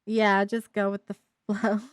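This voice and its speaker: A woman's voice: mid-range voice, completely flat delivery, a little slow. Playful woman with a slight Appalachian Ohio lilt. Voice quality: slight speech impediment. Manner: playful, laughs often, chats with viewers. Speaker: streamer. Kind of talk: casual live-stream chat while building.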